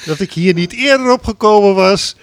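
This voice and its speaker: A man reading a comic story aloud on a talk show, switching to loud sung party chants and laughing along. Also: sits high, normal speed, clean tone. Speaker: reader of a book passage on a talk show.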